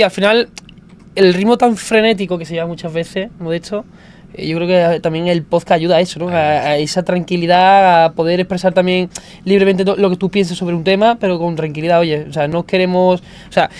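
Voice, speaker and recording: Male podcast host, notably high register, relaxed conversational interviewing. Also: moderate pace, smooth. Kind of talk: casual podcast chat.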